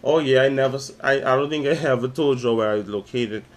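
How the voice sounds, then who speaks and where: A man's voice: mid-range voice, fast. A man in his twenties with a Bahamian accent, hosting his own podcast, talking about faith and reciting spoken word poetry with dramatic intensity. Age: 20s. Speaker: podcast host.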